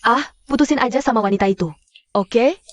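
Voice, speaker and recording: A woman's voice: on the high side, a little fast, no room sound, lightly acted. An actress voicing a doting, chatty middle-aged mother who fusses over and coaxes her grown son, in a dubbed drama. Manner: fussing, coaxing.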